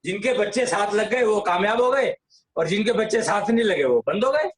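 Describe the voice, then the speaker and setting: Man, high-pitched, lecturing and insistent, echoey room. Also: lively intonation, moderate pace. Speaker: elder explaining tradition. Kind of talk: casual discussion.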